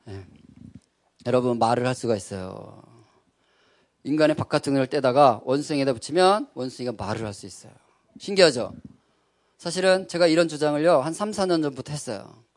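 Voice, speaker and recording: A man giving a sermon-style talk to an audience, conversational and animated, who keeps asking his listeners questions and answering them himself. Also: mid-range voice, a little fast, pauses often.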